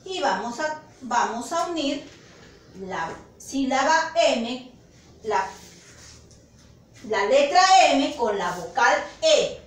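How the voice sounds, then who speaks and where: Peruvian teacher lady, high lively voice, slow and encouraging, echoey room and a bit far from the mic. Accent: Peruvian Spanish. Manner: slow, encouraging, repeats children's answers. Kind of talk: children's phonics lesson.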